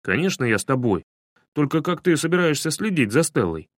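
A timid, anxious schoolboy, as a male narrator puts him on, grumbling and hesitant. The voice stays fairly high for a man and swings in pitch. It sounds close and dry. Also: very animated, brisk, no echo. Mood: reluctant.

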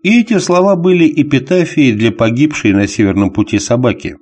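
A man reading a novel aloud as narrator, measured and expressive. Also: mid-range voice. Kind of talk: audiobook narration.

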